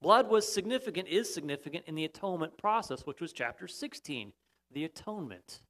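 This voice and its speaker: A man's voice: on the high side, big pitch swings, fairly quick, a bit bright. A man preaching a sermon, explaining steadily and pressing key points. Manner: explanatory, emphatic at times, with restarts. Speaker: pastor.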